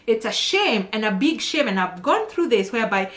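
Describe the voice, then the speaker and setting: A woman's voice: on the high side, big pitch swings, normal speed, fairly bright tone, reverberant. A woman immigration consultant giving direct, scolding advice in a vlog.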